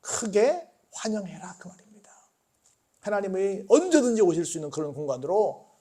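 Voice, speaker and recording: A man preaching a Sunday sermon as a church pastor, asking the congregation questions and answering them himself, swinging between loud bursts and hushed lines. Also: high-pitched, big pitch swings, moderate pace. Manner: call-and-response questions to the congregation. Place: church sanctuary.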